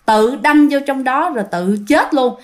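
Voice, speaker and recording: A woman voicing the ghost of a seventeen-year-old in a spoken ghost story, pleading and gently stubborn. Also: high voice, expressive, measured pace. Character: ghost of a 17-year-old who died on the road, lonely.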